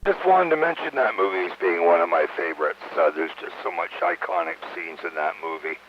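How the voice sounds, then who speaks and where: A man's voice: deep voice, a little fast. A man on an amateur radio net, telling a story in an amused way. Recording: dull radio audio with faint noise.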